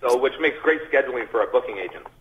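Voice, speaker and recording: Husky man on a muffled speakerphone. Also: mid-range voice, animated, quick pace. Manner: rambling, crude, laughing. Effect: on speakerphone over a phone call. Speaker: band member interviewed by phone. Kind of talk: casual joking chat. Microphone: phone on speaker. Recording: muffled, tinny speakerphone line.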